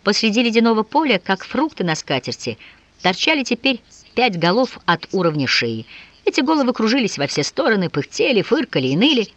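A woman reads a novel aloud in audiobook style, with lively, strongly varied intonation. The recording is dry and close, with no room sound. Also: mid-range voice, fairly quick, dry recording. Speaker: audiobook reader. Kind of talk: audiobook narration.

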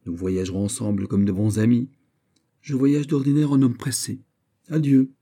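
A man voicing a proud, menacing English duke who speaks forcefully and challengingly, in a storybook reading. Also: mid-range voice, level tone, normal speed, voice pushed up, natural voice. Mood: ironic.

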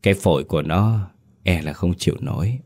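A man's voice: low voice, a little fast, a little mellow. A man voicing an older male village healer, grave and sorrowful, in a spoken ghost story.

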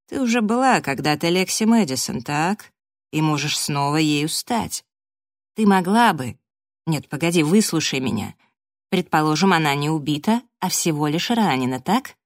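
A woman's voice: sits low, dry recording, studio quality. A woman doing a sly, coaxing detective boss. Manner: slow, drawling, coaxing.

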